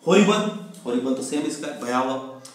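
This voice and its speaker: A man teaching a vocabulary lesson. He tells stories, asks questions and answers them himself, and says definitions slowly. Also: mid-range voice, animated. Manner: mixes Hindi with slowly spoken English definitions. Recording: very echoey room, voice from far off.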